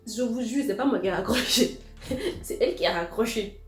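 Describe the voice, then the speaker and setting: A woman vlogger telling a story in an animated, slangy, indignant way. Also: fairly high pitch, moderate pace, soft background music. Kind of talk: storytime vlog. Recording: roomy echo.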